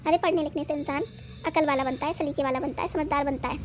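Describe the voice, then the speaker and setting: A woman's voice: high-pitched, fairly even intonation, fast, slight background noise, lightly acted. A woman playing a doting old grandmother who fusses and chides. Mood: chiding. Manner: fussing, chiding.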